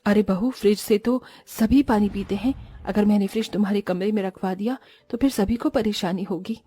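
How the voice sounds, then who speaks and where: A woman's voice: mid-range voice, moderate pace, mellow, husky, dry recording, natural voice. Woman doing a stingy cartoon mother-in-law. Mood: dismissive.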